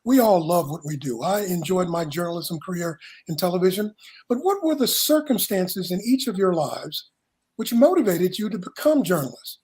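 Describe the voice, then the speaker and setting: Tv panel moderator, smooth host patter, mid pitch. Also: very animated, normal speed, a little mellow. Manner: polished, welcoming host patter. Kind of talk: hosting a TV panel discussion.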